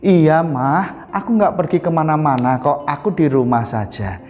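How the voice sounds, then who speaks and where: A storyteller voicing an obedient little fish girl who answers her mother gently. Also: mid-range voice, lively intonation, moderate pace, voice pushed down, natural voice. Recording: echoey hall, faint music.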